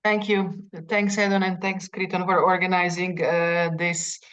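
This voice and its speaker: A woman's voice: on the low side, flat delivery, measured pace, a bit bright. A woman from Croatia, asking a seminar speaker questions in a thoughtful way with frequent restarts.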